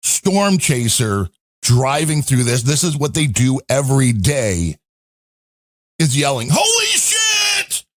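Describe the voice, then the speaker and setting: On a casual chat show, a man with a medium-pitched, expressive voice takes his time rambling through a story packed with asides. He's at home in a storm-hit area, and the sound is dry and close with no room echo.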